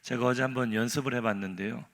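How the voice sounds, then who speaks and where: A man's voice: medium pitch, steady tone, fast talker, a bit bright. A male pastor from Seoul, preaching conversationally and asking the congregation questions. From Seoul, Korea. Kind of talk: sermon.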